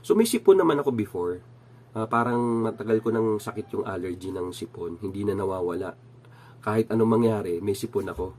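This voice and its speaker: A man's voice: fairly low pitch, animated, brisk, a little mellow. A middle-aged man with a nasal voice, casually telling a personal story with many fillers and restarts while he has a cold. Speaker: channel host.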